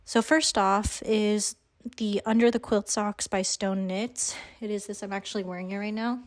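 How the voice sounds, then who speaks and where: A woman's voice: medium pitch, steady tone, moderate pace. A young woman with a sore throat and slightly grainy voice, chatting casually and a bit hesitantly into a handheld phone in a rambling, informal way. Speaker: vlogger and yarn dyer. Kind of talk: casual chat to camera. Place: indoors in a house under renovation.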